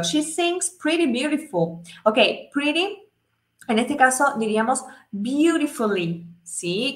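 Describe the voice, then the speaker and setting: A woman teaching English in a live class, explaining step by step, checking in with her students constantly and voicing the example sentences higher. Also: echoey room. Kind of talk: live online English lesson.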